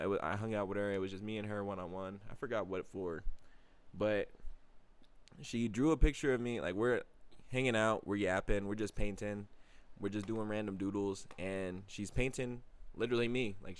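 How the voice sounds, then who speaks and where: A young man telling casual stories in slangy talk, often jumping into high-pitched exclaims. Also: fairly even intonation, normal speed, smooth. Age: young adult. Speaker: vlogger. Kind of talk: casual storytelling monologue.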